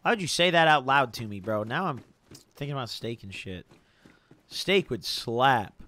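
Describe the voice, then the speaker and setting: Young frat-bro guy streaming, lively pitch swings. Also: normal speed. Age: young adult. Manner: frat-bro slangy, laid-back hype with "bro", "dude", "boys"; swears freely. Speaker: game live streamer. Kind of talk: casual live-stream gaming chatter.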